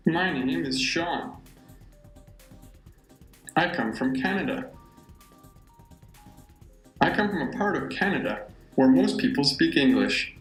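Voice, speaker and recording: A speaker reads a short class narration slowly and deliberately. The echoey room recording carries a faint bed of music underneath. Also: mid-range voice, lively intonation. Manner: slow, deliberate reading.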